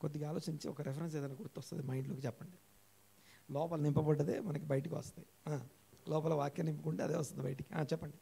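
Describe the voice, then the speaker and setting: A male pastor with a high voice and a gravelly edge preaching an interactive church sermon. He repeats key phrases to drive them home and keeps putting questions to his listeners. He slows down and lifts his voice when he reads scripture aloud. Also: steady tone, dark tone. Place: church hall.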